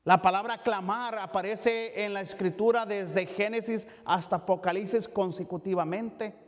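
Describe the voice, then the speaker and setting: A man with a fairly high voice preaching a Bible study in a church, and his words ring out with a long echo. He talks in a halting way, restarts often, fills gaps, and keeps checking in with the congregation. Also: steady tone. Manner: halting, with frequent fillers and restarts, asking "¿verdad?". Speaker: pastor. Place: church sanctuary.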